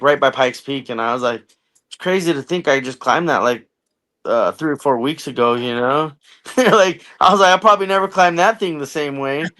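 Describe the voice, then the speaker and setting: A man's voice: medium pitch, bright, forceful tone. Chatty American man telling his story. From United States. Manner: conversational, jokey, filler-heavy storytelling. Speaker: podcast guest, army veteran. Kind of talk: casual storytelling interview.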